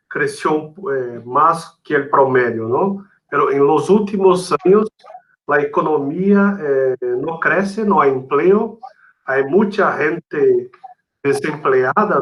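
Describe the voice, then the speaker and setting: A Brazilian man, a native Portuguese speaker, speaking portuñol, a halting mix of Spanish and Portuguese with frequent tag questions, as an interview guest explaining things. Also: on the high side, fairly bright tone, a little hiss or hum, rough recording.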